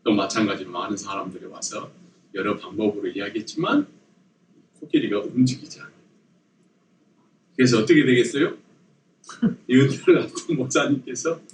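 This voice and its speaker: A man's voice: mid-range voice, normal speed, long pauses, slight background noise. A man preaching a sermon as pastor, telling a joke story and prompting the congregation to repeat after him. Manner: lively storytelling with jokes and audience prompts. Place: church sanctuary. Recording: echoey church hall, mic at a distance.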